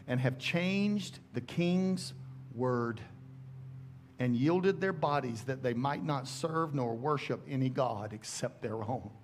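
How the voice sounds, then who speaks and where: A middle-aged man pastor preaching a sermon on a large church stage through a headset mic, with emphatic rising calls and slow, drawn-out scripture readings. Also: mid-range voice, a little hiss or hum. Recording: church sermon with music behind.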